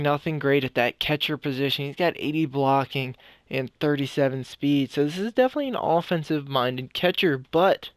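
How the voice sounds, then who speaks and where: A young man with a smooth, clear voice, sitting a little higher than most men's, chats his way through a video game for his channel. He rambles and restarts his sentences, slightly out of breath, recorded close and dry with no room sound. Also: dry recording. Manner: rambling, with frequent restarts and self-corrections. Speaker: gaming YouTuber. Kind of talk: casual game commentary.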